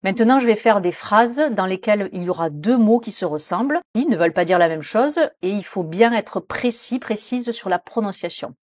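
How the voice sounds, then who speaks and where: A woman teaching English pronunciation in French, explaining patiently with frequent hesitations and slowing down to model English example sentences. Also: medium pitch, lively intonation, darkish tone, no room sound.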